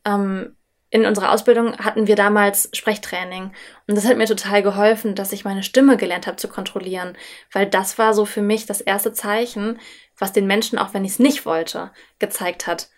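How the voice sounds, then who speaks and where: A woman in a relaxed podcast conversation, speaking reflectively and at length about her nerves. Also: medium pitch, moderate pace. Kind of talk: casual conversation.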